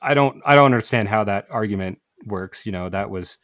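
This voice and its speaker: A man hosting a podcast, talking in a halting way with many fillers and restarts. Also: lowish voice, fairly bright tone, dry recording, clean studio sound. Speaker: podcast host. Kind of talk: casual podcast conversation.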